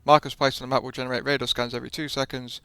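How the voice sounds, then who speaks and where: Gravelly man talking through gameplay. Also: medium pitch, flat delivery, rapid-fire, sharp tone, no echo. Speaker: gaming video host. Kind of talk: casual gameplay commentary.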